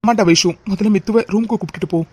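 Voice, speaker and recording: A woman voicing a protective, outspoken young woman in a cartoon, firm and brisk. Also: medium pitch, darkish tone, husky, pitched below the performer's own voice, lightly acted. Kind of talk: cartoon voice acting.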